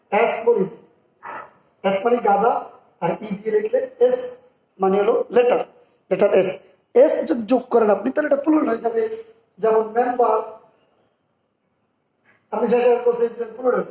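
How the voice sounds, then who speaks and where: Recorded in a room with echo, a man with a mellow, very high voice walks through English grammar rules one step at a time, repeating important terms and reading sample sentences out loud.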